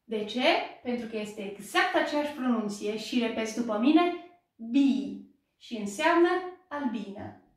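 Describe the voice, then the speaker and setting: A woman with a Romanian accent, teaching slowly and patiently, praising each repetition in a drill. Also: fairly high pitch. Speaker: English teacher. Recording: very echoey room, voice from a distance.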